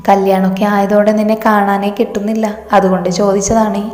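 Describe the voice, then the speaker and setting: A man's voice: sits high, flat delivery, brisk, a little mellow, soft background music, close to an everyday voice. A woman voicing a teasing, fatherly older uncle in a storybook reading, in an echoey room. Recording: echoey room with long reverb.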